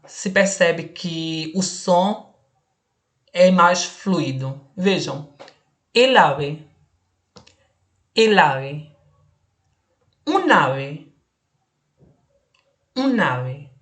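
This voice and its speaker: A woman's voice: mid-range voice, a bit bright. A woman teaching an online exam-prep Spanish lesson, patient and explanatory, often checking that students follow along. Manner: slow, patient, checks understanding with "perfeito?".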